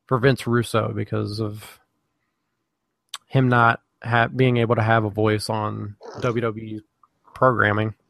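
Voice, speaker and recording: Guy hosting a live podcast, slow and halting, lots of ums, dry close sound. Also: fairly low pitch, level tone, creaky, a bit bright, no room sound. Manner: halting, many fillers and restarts. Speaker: podcast host. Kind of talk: casual live podcast chat.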